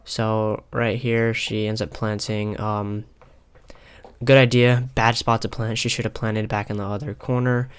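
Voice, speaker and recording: This young man, whose voice is fairly low with a clear, resonant tone, calmly talks through a replay of a ranked match he played. The casual commentary is analytical but halting, with frequent pauses and plenty of ums, picked up on a console headset mic.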